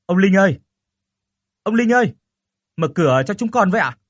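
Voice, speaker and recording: A man's voice: mid-range voice, big pitch swings, brisk, breathy edge, dry recording, clean studio sound. A man doing a bold, friendly young man. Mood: calling out. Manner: friendly, polite, calls out loudly.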